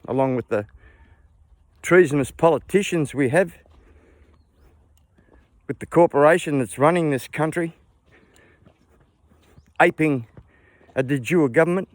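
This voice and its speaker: Older Aussie bloke, seventies, slightly high voice, dry close sound, blunt and opinionated farm monologue. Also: male voice, a little slow, pauses often, no echo. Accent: Australian. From Australia. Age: 70s. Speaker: vlogger and hobby farmer. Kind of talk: casual ranting monologue. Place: outdoors on a small farm among animals.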